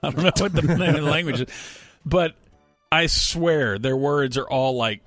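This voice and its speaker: A man's voice: a little high, normal speed, fairly bright tone, dry recording, faint music behind. A man hosting a casual radio talk show, rambling and joking as he reads listener emails and banters with his co-hosts. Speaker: radio host. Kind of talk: casual sports radio chat.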